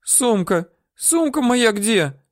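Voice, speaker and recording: A man's voice: extremely high pitch, big pitch swings, slow, no echo, studio quality, voice pushed up, heavily acted. A man voicing a frightened, whimpering woman for an audiobook, her voice whiny, squealing and pleading. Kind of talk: audiobook character voice.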